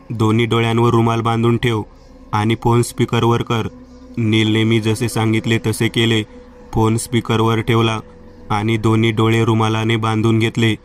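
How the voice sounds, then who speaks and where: A man narrating a horror story and reading the dialogue of two friends in a steady storytelling manner. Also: mid-range voice, distant mic, slight background noise.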